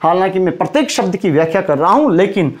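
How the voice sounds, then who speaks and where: High-voiced man teaching grammar. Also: expressive. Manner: quizzing students, slow emphatic repetition. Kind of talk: Hindi grammar lecture.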